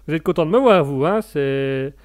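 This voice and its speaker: A man's voice: on the high side, lively intonation, measured pace. A man voicing an awkward male border customs officer, stammering and politely embarrassed.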